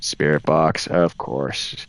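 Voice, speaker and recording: A man's voice: rumbling low, fairly even intonation, takes it slowly, smooth, dry recording. A man streaming a ghost-hunting game live, casually thinking aloud and explaining his moves to the chat. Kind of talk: live gameplay commentary.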